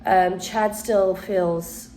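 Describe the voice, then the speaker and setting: The witchcraft crafts teacher speaks very slowly in a mellow, medium-pitched voice with fairly even intonation, still congested after having the flu. Her casual to-camera chat wanders, with ums and restarts, on a low-quality recording with slight background noise.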